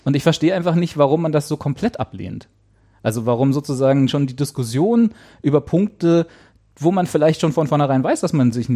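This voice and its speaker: A man's voice: on the high side, mellow. A man hosting a casual talk show, rambling thoughtfully with many fillers and restarts. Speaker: show host. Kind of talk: casual chat.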